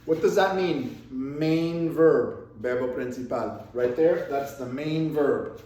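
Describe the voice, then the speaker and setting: A man's voice: mid-range voice, slow, a little mellow, far from the mic, lo-fi sound. A man teaching an English grammar lesson, explaining patiently step by step with repeated examples. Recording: echoey room, voice from off-mic.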